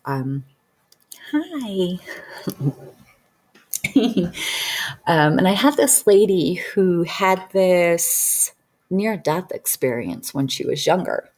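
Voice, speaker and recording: A woman in her thirties speaks with a notably low voice. She tells her story casually as a healing practitioner, rambling along with frequent fillers and restarts. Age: 30s.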